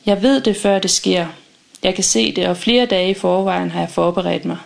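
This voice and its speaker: Low, gravelly woman narrating an audiobook. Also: steady tone. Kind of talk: first-person audiobook narration.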